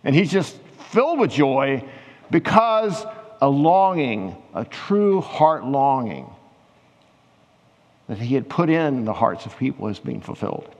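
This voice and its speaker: A man's voice: medium pitch, a little slow. Man preaching in a reverberant hall. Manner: conversational, animated when retelling scripture scenes. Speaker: pastor. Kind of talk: sermon.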